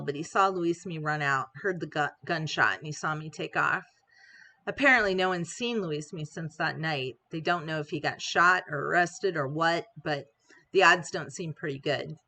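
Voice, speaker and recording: A woman's voice: lowish voice, sharp tone. A woman reading an interactive story aloud in the first person, with casual, conversational narration full of fillers.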